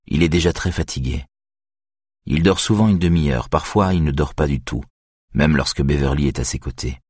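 Very deep-voiced man reading a story. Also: moderate pace, darkish tone, husky, no echo, clean studio sound. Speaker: audiobook narrator. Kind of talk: scripted narration.

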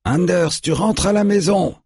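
A man's voice: fairly low pitch, expressive, unhurried, husky, no room sound, clean studio sound, full character voice. A man voicing an anxious old male boatyard manager who pleads for his grown son. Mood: calling out. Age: older.

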